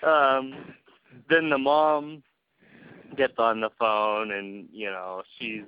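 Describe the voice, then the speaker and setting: A man's voice: mid-range voice, fairly even intonation, slow, clean tone, dry recording. A man who hosts a podcast, chatting casually with his guest and laughing often as he retells the story, on a dull lo-fi recording. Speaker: podcast host. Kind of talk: casual interview chat.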